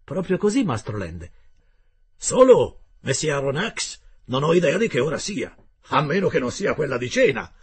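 A man voicing a blunt, hungry male harpooner who talks loudly, slowly and emphatically. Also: on the high side, sing-song, slight background noise, voice pushed up. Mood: gruff. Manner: loud, slow and emphatic.

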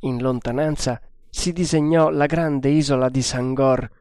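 Slow, measured male audiobook narrator. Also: mid-range voice, fairly even intonation, darkish tone, no echo, clean studio sound. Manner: measured, deliberate reading. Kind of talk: audiobook narration of an adventure novel.

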